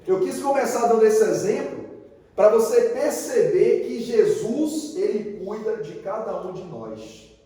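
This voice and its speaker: A man with a high but mellow voice preaches in a big church, telling his story vividly and acting out every exchange. His voice rings around a large hall with long reverb, heard from some distance off the mic. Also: measured pace. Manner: lively storyteller who acts out the dialogue. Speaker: pastor. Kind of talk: sermon with storytelling. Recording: echoey hall, voice from far off.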